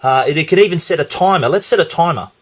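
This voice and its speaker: A man's voice: a little high, animated, fast talker. Chatty Australian tech reviewer man. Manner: chatty, explains as he goes, some restarts. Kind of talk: casual product demo.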